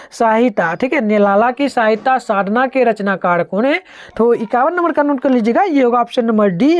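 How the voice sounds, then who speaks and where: Woman teacher, higher voice, dry close sound, patient step-by-step exam explainer. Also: darkish tone, dry recording. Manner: explains step by step, has students try sounds aloud. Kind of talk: online exam-answer lesson.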